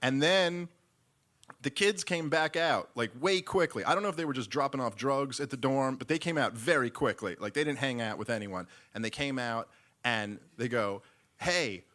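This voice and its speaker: Guy doing a standup bit, sharp bright voice, goes on and on, kinda exasperated. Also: mid-range voice, normal speed. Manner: rambling, animated, mock-exasperated. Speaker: comedian. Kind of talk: stand-up storytelling.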